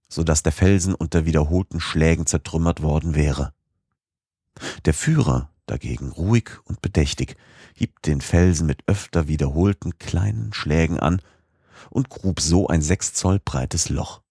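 A man narrating a classic novel as an audiobook in a measured, steady manner. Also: a bass voice, slightly rough, dry recording, studio quality.

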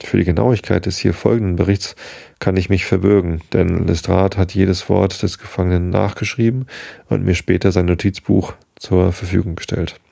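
A man narrating an audiobook in a measured way, now and then restarting a word. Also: sits low, level tone, creaky, dark tone, dry recording, clean studio sound.

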